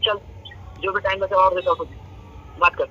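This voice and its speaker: Man debating by phone, taunting and insistent, high lively voice, muffled with a faint hiss. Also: moderate pace. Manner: taunting, insistent, repeats his question. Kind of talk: heated religious debate over a phone call.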